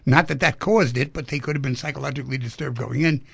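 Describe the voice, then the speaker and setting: A man's voice: mid-range voice, fairly even intonation, quick pace, vocal fry, fairly bright tone, breathy edge, no room sound. A man hosting a radio talk show, chatty and rambling, asking guests lots of questions. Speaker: radio host. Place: radio studio.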